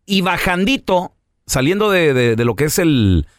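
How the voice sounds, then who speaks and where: A man's voice: a little high, sing-song, measured pace, no room sound, studio quality. A man with a Mexican accent hosting a radio show, telling anecdotes in slangy casual chat and acting out the voices. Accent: Mexican Spanish.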